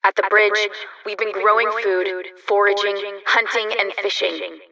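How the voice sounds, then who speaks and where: An actress playing a reassuring propaganda broadcaster for a survivor community in a video game, speaking earnestly over the radio. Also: female voice, mid-range voice, little pitch movement, a little slow, vocal fry, sharp tone, recorded from a distance, highs cut off. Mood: earnest reassurance.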